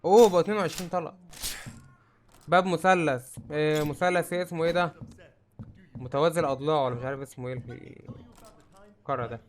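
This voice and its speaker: Young Egyptian man, gamer doing live let's-play commentary, rapid-fire and a bit high-pitched, breaks into startled yelps, faint hiss behind. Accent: Egyptian Arabic. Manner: jumpy, yelps and shouts when startled.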